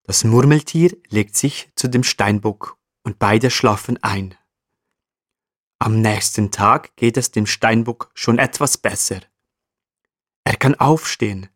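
A man narrating a children's story in a calm, evenly read way. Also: lowish voice, takes it slowly, no echo, studio quality.

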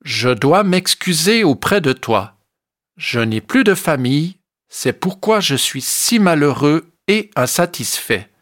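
A storyteller voicing a proud, grumpy and lonely male ibex who grumbles slowly in a low voice. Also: very animated, fairly bright tone. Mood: sorrowful.

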